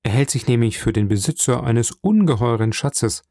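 A man's voice: medium pitch, animated, normal speed, warm tone, no room sound, clean studio sound. A man doing a wry prison governor. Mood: offhand. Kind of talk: audiobook character reading.

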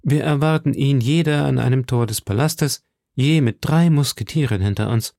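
A man voicing a grave, older musketeer leader who speaks calmly and with command. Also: mid-range voice, normal speed, vocal fry, no echo, studio quality, voice pushed up, natural voice. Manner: calm, commanding.

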